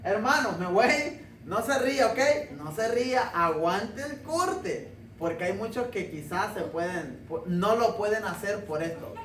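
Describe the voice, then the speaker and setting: A man's voice: high voice, animated, unhurried, fairly bright tone. A male pastor preaching a conversational sermon with jokes and rhetorical questions to his congregation. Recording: roomy, distant mic, faint noise.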